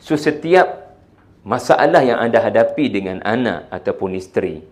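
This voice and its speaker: A man with a Malaysian Malay accent giving a religious lecture, moving between loud, emphatic points and quiet, soft talk, with English words mixed in. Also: lowish voice, animated, normal speed. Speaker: Islamic preacher.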